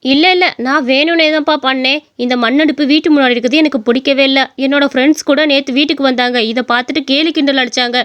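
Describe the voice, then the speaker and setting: A woman's voice: sits high, fairly even intonation, quick pace, hardly any pauses, a bit bright. A woman voicing a headstrong young daughter-in-law in a cartoon story, bossy and dismissive.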